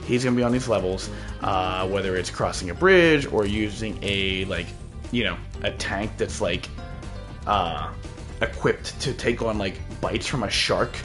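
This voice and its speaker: A man's voice: fairly low pitch, measured pace. A man in his thirties giving casual, slangy, rambling gameplay commentary as a streamer. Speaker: game streamer. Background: game music.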